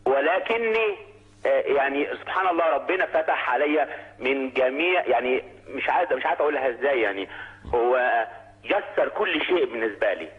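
An Egyptian-accented man phones in to a broadcast, his voice thin and squeezed through a tinny phone line. He speaks at a middling pitch, haltingly, stopping and restarting as he works his way toward a question. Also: expressive. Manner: hesitant, many fillers and restarts. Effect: heard over the phone. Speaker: caller. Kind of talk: call-in question to a TV program.

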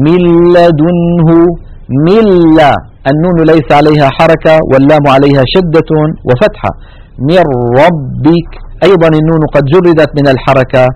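In a rough recording with no room sound, a man with a darkish, somewhat high voice gives a step-by-step lesson on Quran recitation rules. He explains every rule, then recites its examples twice in a slow, drawn-out way.

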